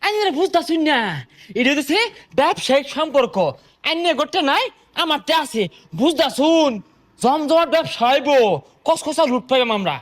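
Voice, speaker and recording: An actor playing a sly, boastful fuel hoarder in a comedy sketch, talking. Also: male voice, extremely high pitch, normal speed, fairly bright tone. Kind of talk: comic sketch acting.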